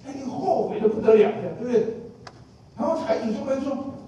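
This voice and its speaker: Brief: male preacher, high and mellow voice, folksy and questioning, heard from a distant mic. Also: fast talker, dull audio. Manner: folksy, asks the listeners questions, repeats phrases. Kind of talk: sermon. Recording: echoey room from a distant mic.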